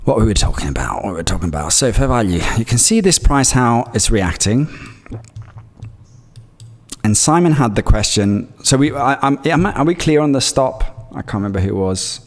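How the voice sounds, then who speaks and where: An animated man with a mid-range voice and normal speed streams live, talking through his trades, with a big-room sound. Having grown up in Greece with Greek as his first language, he rambles, reads chat messages out as he goes, and often uses fillers and restarts.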